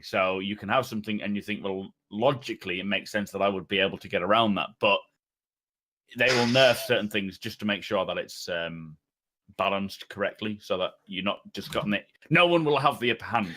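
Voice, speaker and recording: A man's voice: lowish voice, bright, forceful tone. Laid-back swearing man on a gaming podcast. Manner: swears freely, laughs a lot. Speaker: podcast co-host. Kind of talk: casual gaming podcast chat.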